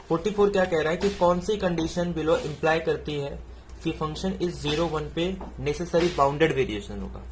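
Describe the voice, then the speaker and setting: A man teaching, working through exam math answers in a steady explanatory way, often asking a question and answering it himself. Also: a little high, slight background noise. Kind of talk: exam solution walkthrough.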